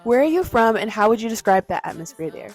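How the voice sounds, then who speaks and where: A woman's voice: on the high side, sing-song, fast, darkish tone, soft background music. A woman interviewing a guest casually, often finishing the guest's sentences for her.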